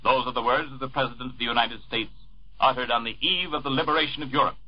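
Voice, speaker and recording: A studio newscaster, male, delivers bulletins in a formal, measured way, his mid-range voice husky, slightly breathy, and steady. The sound is that of an old 1940s radio broadcast recording, dull and muffled with the top end rolled off.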